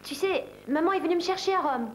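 A woman's voice: very high-pitched, animated, fast, a little hiss or hum. A woman dubbing an inquisitive, anxious young daughter in a TV film. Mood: curious. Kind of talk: dubbed TV film drama dialogue.

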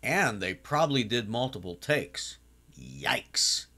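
An older man talks through a TV episode in a relaxed, chatty recap, and his mid-range voice rises and falls a lot. He now and then bursts into animated exclamations, and the whole thing sounds casual and personal rather than scripted. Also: medium pitch, unhurried, slight background noise. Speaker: TV series reviewer.

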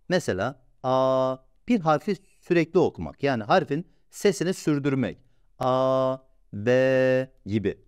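A man teaching a recorded reading lesson, patiently repeating sounds slowly and asking and answering his own questions. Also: medium pitch, a little mellow, dry recording, clean studio sound.

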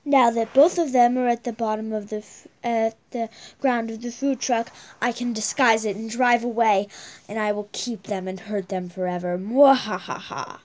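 Young-sounding female doing a slow, theatrical menacing kidnapper. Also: fairly high pitch, steady tone, a little mellow, natural voice. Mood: gloating menace. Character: menacing kidnapper running a toy food truck. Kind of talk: amateur toy-figure play.

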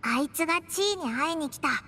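A woman voicing a small childlike game companion, brash, boastful and excitable, with a squeaky voice and eager, boyish phrasing. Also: fast talker, heavy background noise. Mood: curious, excited. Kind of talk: anime game voice acting.

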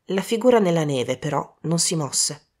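A woman with a fairly low voice narrates a short story. Her delivery is even and steady. She reads it as scripted audiobook narration. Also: moderate pace, breathy edge.

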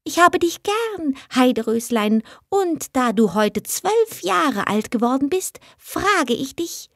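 A tiny wrinkled heath spirit, as a woman reader puts him on, speaking in a high, squeaking voice well above her own. He is proud and spiteful, handing down grim, commanding pronouncements in a storybook tale. The recording is close and dry. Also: big pitch swings, takes it slowly, a bit bright, dry recording, exaggerated voice. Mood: wooing. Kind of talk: storybook reading.

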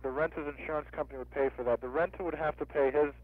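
The man speaking is a car rental office agent on a customer service phone call, his voice on the high side and steady but racing, with no echo. He keeps insisting, questioning and repeating himself. The line sounds tinny and narrow-band.

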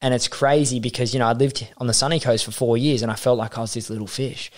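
Chatting casually on a podcast, this young Australian coach has a mid-range voice, fairly flat intonation, and a quick pace. He's a young adult man, and he performs the quoted lines as he recounts what happened.

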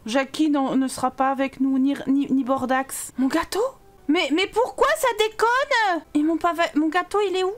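A young woman giving casual commentary while playing a life-sim game, animated and exclaiming, swearing when things go wrong. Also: high voice, normal speed, faint music behind. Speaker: gaming YouTuber. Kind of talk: casual let's-play commentary.

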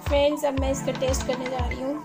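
A woman's voice: high voice, little pitch movement, fast, creaky. A woman with an Indian accent, narrating a home cooking vlog step by step and dropping in English phrases. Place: home kitchen. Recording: loud background music.

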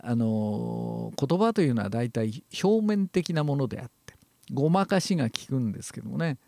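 A man lecturing on voice training in a slightly high, gravelly voice that moves a lot in pitch. He explains calmly and step by step, pausing on fillers as he goes. The sound is close and dry. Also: no echo. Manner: calm, measured explaining with many hesitation fillers.

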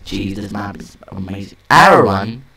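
A young man hosting a let's play, loud and profane, cursing and yelping at every in-game mishap. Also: fairly low pitch, animated, moderate pace, rough recording. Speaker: gaming channel host. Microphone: desk microphone.

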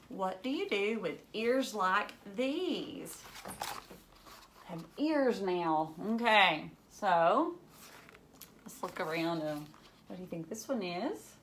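In a furnished living room, a woman in her thirties reads a picture book aloud to young children, full of exaggerated wonder and many questions. Her mid-range, slightly bright voice is sing-song and slow with frequent pauses, over slight background noise.

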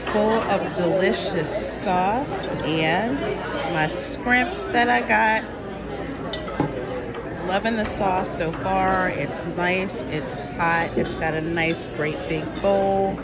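A young woman talks through her meal in an unhurried, chatty vlog, her voice at a middling pitch. She sounds recorded on a phone held close. Loud chatter from a packed dining room and music fill the background. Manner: chatty, enthusiastic about food. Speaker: food vlogger. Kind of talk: casual vlog commentary. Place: busy restaurant in a resort. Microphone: phone camera at arm's length. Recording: loud restaurant crowd and music. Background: loud crowd chatter and music.

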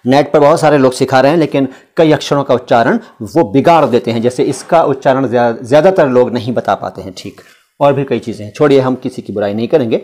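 A man from India teaching a casual lesson at a board, chatty, with drawn-out letter sounds and side remarks. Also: medium pitch, a little mellow. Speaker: language teacher.

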